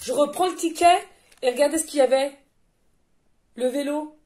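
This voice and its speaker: Speaking at normal speed in a high-pitched yet darkish voice, a woman gives a channeled tarot and oracle card reading. She's gushing and talkative, repeatedly addressing her viewers directly.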